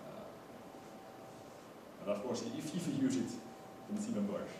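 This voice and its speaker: Heavy reverb, a distant microphone, and background rumble mark this clip of a man lecturing academically. He hesitates and halts often, stammering as he repeats the openings of words.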